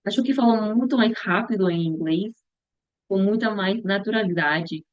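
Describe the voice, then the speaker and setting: A young woman muses through a casual vlog in a slow, hesitant voice. She pauses often, hunts for words, and restarts her phrases mid-sentence. The recording is dry and slightly muffled, with no room echo and a dull, lo-fi edge. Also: mid-range voice. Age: young adult. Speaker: future missionary practicing a language. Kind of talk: casual reflective vlog monologue.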